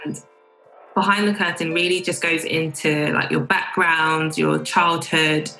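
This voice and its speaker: Bright, low-voiced enthusiastic woman host. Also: fairly even intonation, unhurried, gravelly, soft background music, rough recording. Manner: enthusiastic and encouraging, with warm interjections. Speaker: podcast host. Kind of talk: casual interview hosting.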